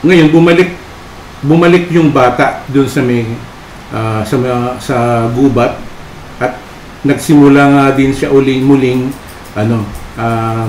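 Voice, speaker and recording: A man preaching at a church service, telling a story in a halting way full of fillers and tag questions. His medium-pitched voice carries through a roomy hall. A faint background ambience sits under his words. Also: a little mellow, slight background noise. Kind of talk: storytelling sermon.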